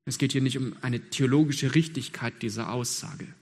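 Husky male preacher in a reverberant hall. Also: medium pitch, moderate pace, a little mellow. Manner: earnest, emphatic repetitions, rhetorical questions. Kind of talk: sermon.

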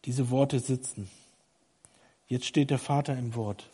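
A middle-aged male preacher with a dark, mellow tone and a slightly husky edge. He delivers a sermon that moves from hushed, confiding passages to rising, urgent calls. He turns to the congregation with direct questions. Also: mid-range voice, a little slow. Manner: swings from quiet, intimate confession to loud, urgent exhortation.

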